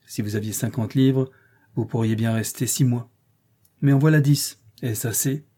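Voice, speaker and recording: A man reading an audiobook, voicing a brusque, teasing wealthy gentleman employer. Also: medium pitch, moderate pace, close to an everyday voice.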